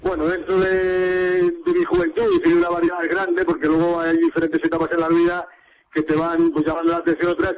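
A man in his fifties with a Madrid Spanish accent, a sports director chatting as a radio guest in a relaxed way. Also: high voice, fairly quick. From Madrid, Spain. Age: 50s. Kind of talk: radio interview conversation. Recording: muffled radio broadcast.

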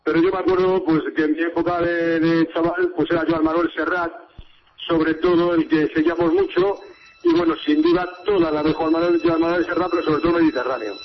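A man in his fifties with a Madrid Spanish accent, a sports director chatting as a radio guest in a relaxed way. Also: on the high side, brisk, gravelly, slight background noise. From Madrid, Spain. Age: 50s. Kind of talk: radio interview conversation. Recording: muffled radio broadcast.

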